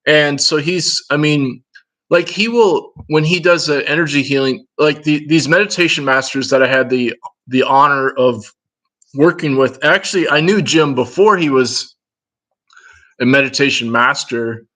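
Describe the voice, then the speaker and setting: A man's voice: a little high, moderate pace, sharp tone, poor audio. A man in his fifties with a Minnesota accent, chatting casually with his livestream viewers in a rambling, digressive way. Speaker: livestream host.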